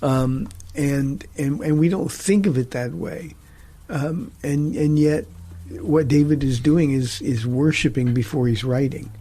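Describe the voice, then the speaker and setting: A middle-aged pastor hosting a talk show teaches from the Bible in a warm, medium-pitched voice. He speaks earnestly but haltingly, restarting often.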